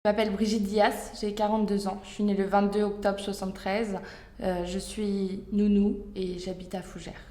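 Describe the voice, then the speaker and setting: A woman's voice: mid-range voice, flat delivery, moderate pace, warm tone, reverberant, lightly acted. A woman playing a neighbour in her forties, speaking casually and offhandedly. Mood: offhand. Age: 40s.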